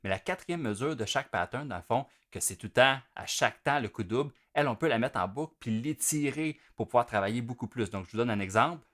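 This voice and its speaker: A man with a Québécois French accent teaching drums, explaining each step in a relaxed way as he demonstrates at the kit. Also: mid-range voice, fast, hardly any pauses. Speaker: drum teacher. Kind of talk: explanatory music lesson. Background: loud drum kit playing between phrases.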